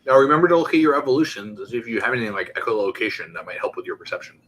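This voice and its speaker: A man's voice: mid-range voice, animated, very fast, fairly bright tone, a little hiss or hum, poor audio. A man acting as game master, narrating casually and putting questions to the players. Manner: conversational, directing players with questions.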